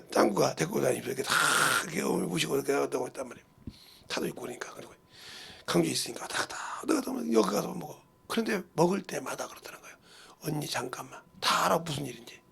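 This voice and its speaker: Male pastor, middle-aged, husky and rough, lively sermon storyteller. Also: a little high. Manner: swings from hushed murmurs to loud cries, acting out relatives' words. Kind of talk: sermon with told stories.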